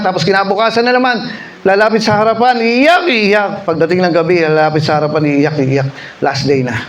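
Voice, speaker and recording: High-voiced male preacher telling a story. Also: slight background noise. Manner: storytelling, acts out voices, repeats phrases for effect. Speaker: pastor. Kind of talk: sermon.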